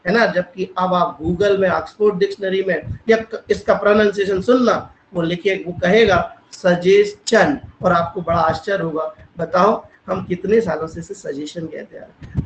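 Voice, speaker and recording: A man's voice: sits high, reverberant, slight background noise, low-quality recording. A man from India teaching an online English class. He spells words out letter by letter and checks in often with his students. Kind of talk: online English grammar lesson. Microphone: online class call.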